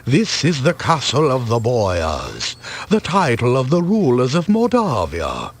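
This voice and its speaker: Gatekeeper of a gloomy valley, game role: husky, unhurried, theatrical. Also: male voice, medium pitch, huge pitch swings, exaggerated voice. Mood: ominous, explanatory. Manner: slow, dramatic, swooping delivery. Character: male gatekeeper of a dark Eastern European valley, talkative. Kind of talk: video game character dialogue.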